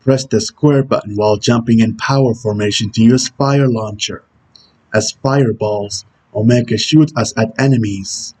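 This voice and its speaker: A man voicing a stern, brooding video game antihero who gives terse tutorial instructions in a husky voice. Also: on the low side, fairly even intonation, normal speed, a little mellow, close to an everyday voice, rough recording. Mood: stern, instructional. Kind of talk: character impression reading game tutorial instructions.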